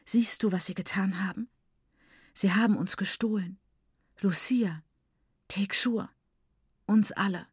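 A woman's voice: mid-range voice, normal speed, a little mellow, no echo, clean studio sound, close to an everyday voice. A woman voicing a desperate, starving teenage girl who swings between bitter whispers and fury, in an audiobook. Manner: whispers, hisses, then screams in fury.

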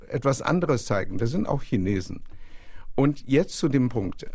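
A man from China argues his case on a radio panel discussion. His voice is gravelly, with a firm, emphatic delivery. The sound is close and dry, with no room around it. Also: medium pitch, darkish tone, no echo. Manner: emphatic, argumentative. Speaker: panel guest.

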